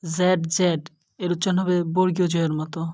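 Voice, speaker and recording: A young woman teaching an English lesson, going through letter pairs slowly and carefully. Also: lowish voice, little pitch movement, mellow. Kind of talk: slow spoken lesson.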